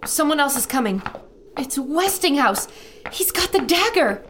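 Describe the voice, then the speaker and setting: A woman's voice: high voice, sing-song, measured pace, fairly bright tone, slight background noise, exaggerated voice. A woman playing a watchful young adventurer who calls out what she sees. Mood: alert.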